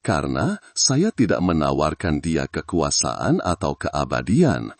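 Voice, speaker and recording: A humble old villager past sixty, as a deep-voiced storyteller puts him on, speaking politely and plainly with a lively lilt. The voice is husky and low, recorded dry and close. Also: male voice, no room sound, full character voice. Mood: calm, plain. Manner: polite, plain-spoken, unhurried.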